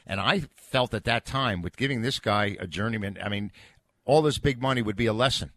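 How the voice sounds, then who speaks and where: A man's voice: lowish voice, a little fast, a bit bright. An opinionated man chatting casually about sports as a show commentator.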